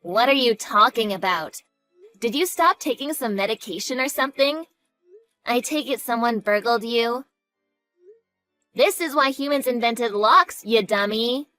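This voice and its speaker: Brief: a woman voicing a defensive, scoffing younger sister in a drama story, fairly high voice over faint music. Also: animated, measured pace, sharp tone. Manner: snarky, dismissive. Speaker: sister of the main character. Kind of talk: voice acting in a narrated drama story.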